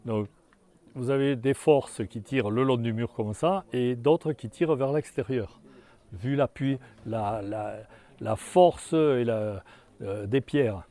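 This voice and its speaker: Older male guide, mellow low tone, outdoors, stop-start delivery. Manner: halting, many restarts and fillers. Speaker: tour guide. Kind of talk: guided tour talk. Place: outdoors in a hamlet.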